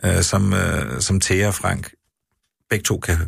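A man's voice: sits low, gravelly, husky, no room sound, clean studio sound. A man hosting a radio interview, asking his guest questions in a loose, chatty way. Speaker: radio host. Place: radio studio.

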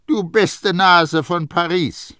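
A man voicing a stern, blustering elderly master perfumer who scolds and mocks loudly, in an audiobook. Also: high-pitched, slow pace, no echo, studio quality, pitched above the performer's own voice, heavily acted. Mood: mocking. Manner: loud, scolding and mocking. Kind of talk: audiobook character voice.

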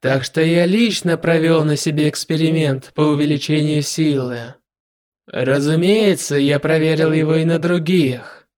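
A man voicing a smug, menacing male demon lord with a dry voice, speaking slowly and in a drawn-out way. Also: fairly high pitch, steady tone, darkish tone, close to an everyday voice. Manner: slow, drawn-out, self-satisfied delivery.

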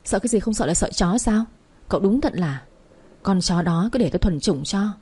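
Woman doing a brash boastful young guy, mellow husky tone, storybook reading. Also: medium pitch, animated, a little fast. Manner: brash, teasing. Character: cocky joking young man, boastful.

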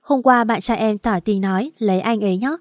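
A woman's voice: medium pitch, fairly quick, no room sound, lightly acted. Woman doing a sneaky young woman, sugary on the surface, dry sound. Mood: confiding. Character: young woman Trà, sly and scheming.

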